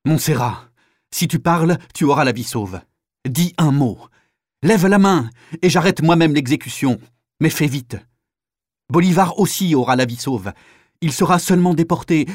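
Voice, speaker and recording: A man's voice: fairly high pitch, normal speed, no room sound, voice pushed up, natural voice. Brief: man doing a brutal officer, harsh and exasperated, dry close recording. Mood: urging. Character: cruel, impatient male officer.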